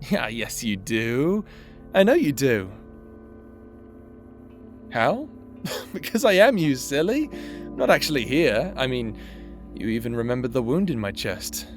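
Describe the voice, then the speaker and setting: A man of medium pitch, sounding close to his everyday voice, performs a roleplay audio drama as a remorseful necromancer husband who lingers in his partner's memory. He keeps it soft-spoken, tender, and teasing.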